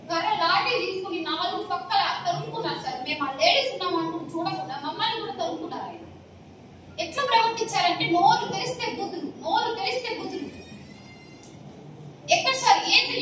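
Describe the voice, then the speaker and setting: A woman making an indignant, pleading appeal to reporters, repeatedly addressing them as sir. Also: very high voice. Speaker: complainant speaking to the press. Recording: echoey, distant mic, noisy surroundings.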